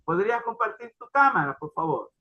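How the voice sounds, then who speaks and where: A teacher runs an online class discussion over a muffled, lo-fi video call. The voice sits at a middling pitch, heavy with fillers and repeated words, gently prompting participants to speak. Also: very animated, brisk. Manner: repetitive, encouraging, many fillers.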